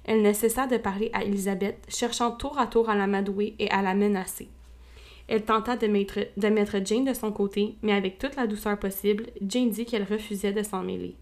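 A woman podcast host reads a classic novel aloud in a steady audiobook style. Her pitch sits in the middle of the range. Now and then she slips in a playful aside. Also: a little fast. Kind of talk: audiobook narration.

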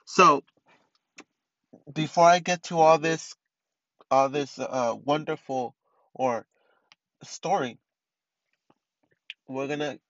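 This clip features a man in his twenties from East Los Angeles, hosting a casual solo podcast. His voice sits at a medium pitch, and the dull audio has no echo. He rambles, restarting often and leaning on fillers.

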